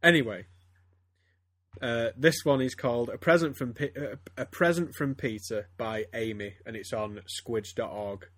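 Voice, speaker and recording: A man's voice: medium pitch, normal speed, a bit bright, no echo. A man reading fan fiction aloud to friends, stumbling and breaking into laughter as he goes. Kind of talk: casual comedic reading aloud.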